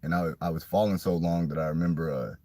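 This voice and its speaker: Deep husky-voiced man telling a story. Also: fast talker, dry recording. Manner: rambling, profane, animated retelling. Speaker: podcast storyteller. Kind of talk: casual storytelling.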